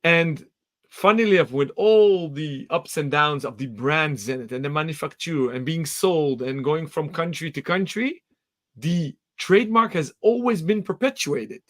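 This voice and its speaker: Upbeat male interview host, higher voice. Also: measured pace, a bit bright. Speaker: podcast host. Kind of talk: live interview.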